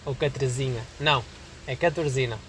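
A man's voice: mid-range voice, moderate pace, a bit bright, a little hiss or hum. A young man with a Portuguese accent, chatting casually as podcast co-host, joking in slang and acting out people in his stories. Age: young adult. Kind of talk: casual chat.

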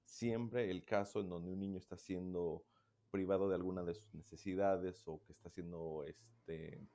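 A man who works in child welfare, explaining in a casual conversation and acting out loud and hushed examples. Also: low-pitched, steady tone, moderate pace.

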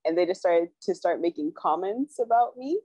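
A young woman co-hosting a casual chat podcast tells a story in a fairly low voice at a moderate pace, animatedly acting out what people said. The recording has dull, lo-fi sound with no echo.

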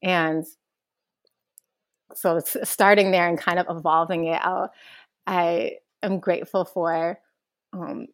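Earnest woman, low voice, dry sound. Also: slow, long pauses, dry recording. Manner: earnest, flowing, animated when recounting childhood. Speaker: guest, organizer. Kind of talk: reflective interview answer.

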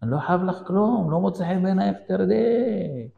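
A man's voice: medium pitch, very animated, vocal fry, phone-quality sound. A man doing a blunt, fed-up taxi driver. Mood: dismissive. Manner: blunt, dismissive. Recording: echoey room.

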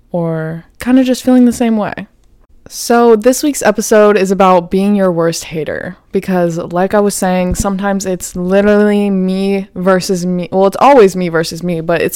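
A woman's voice: on the low side, a little mellow, clean tone, no room sound, studio quality. A young woman hosting her own podcast, chatting casually and candidly, cursing freely, saying "like" constantly and laughing often. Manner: chatty, profane, says "like" a lot, laughs often. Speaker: podcast host. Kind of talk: casual solo podcast talk.

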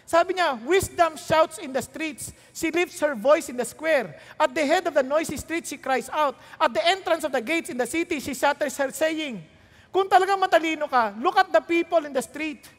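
Switching between Tagalog and English, a female pastor preaches to her congregation, peppering it with jokes and rhetorical questions. She speaks at normal speed in a high-pitched voice that echoes like a large room.

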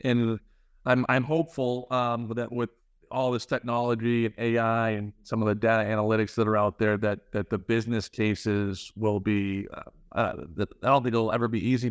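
A man hosting a casual interview, speaking haltingly and repeating words as he shapes his thoughts. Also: fairly low pitch, smooth, no room sound. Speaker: podcast interview host.

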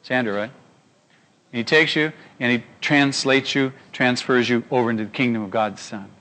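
A male pastor delivering a sermon, animated and constantly asking his audience questions. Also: medium pitch, normal speed.

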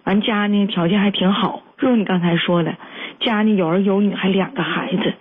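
A woman with a Northeastern Chinese accent hosts a call-in advice show. She lectures her caller bluntly, like a scolding older sister. Her voice is husky, and it comes through a thin, narrow, phone-like radio sound. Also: mid-range voice, steady tone, a little fast.

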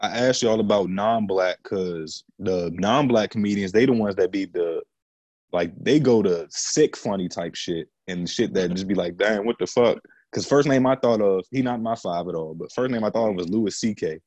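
A man's voice: lowish voice, normal speed, a little mellow, dry recording, muffled recording. A man hosting a casual podcast chat, slangy and often putting questions to his friends. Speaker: podcast host.

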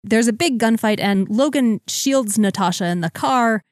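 A woman co-hosting a podcast, casually recapping comics with wry jokes and quick asides. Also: fairly high pitch, dry recording, studio quality. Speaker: podcast co-host.

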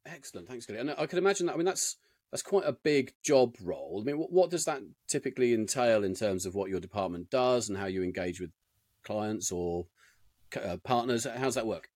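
A man hosts a conversational interview at a brisk clip. His voice sits a little low and is recorded close and dry. His words come out slightly slurred, as if his lips stick. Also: lively intonation, a little mellow, dry recording. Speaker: podcast host, IT consultant. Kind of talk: unscripted interview chat.

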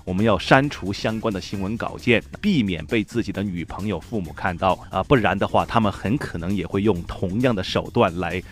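一位带四川口音的男主持人，用口语化、调侃式的新闻播报腔讲幽默时事评论。. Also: male voice, low-pitched, brisk, few pauses, soft background music. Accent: Sichuan. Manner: colloquial, joking, mock-newscaster delivery. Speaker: host of a comic news show. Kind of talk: humorous news commentary in Sichuan dialect.

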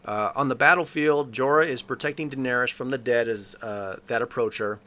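A man's voice: medium pitch, fairly quick, pushed and bright. A man casually narrating a TV episode scene by scene, opening most sentences with an "uh.". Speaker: co-host recapping a TV episode.

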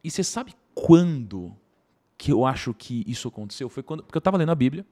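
Fast-talking man telling a story. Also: medium pitch. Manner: animated, tags sentences with quick asides. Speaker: podcast guest. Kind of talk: casual storytelling in conversation.

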